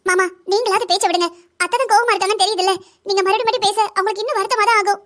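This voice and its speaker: Squeaky sweet cartoon daughter-in-law begging everyone to calm down, as a woman voices her, fast. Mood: pleading. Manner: pleading, gentle. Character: meek young daughter-in-law, pleading peacemaker. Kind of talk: cartoon drama dialogue.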